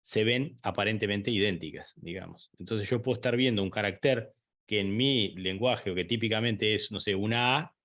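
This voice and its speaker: A man's voice: fairly low pitch, moderate pace, fairly bright tone. A man giving an online training lecture, explaining step by step with fillers, restarts and frequent checks with the listener. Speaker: instructor.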